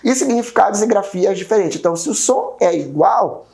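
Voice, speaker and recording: A man's voice: sits high, lively intonation, a little fast, gravelly, darkish tone. A man with a Brazilian Portuguese accent teaching an exam-prep video lesson, explaining step by step and tagging sentences with questions. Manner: explanatory, constant tag questions.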